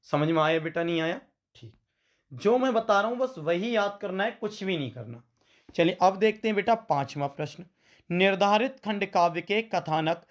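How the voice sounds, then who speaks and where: A man teaching an exam-prep lesson with a western Uttar Pradesh Hindi accent, who often calls his students "beta" and repeats his points back as questions. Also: sits high. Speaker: coaching teacher.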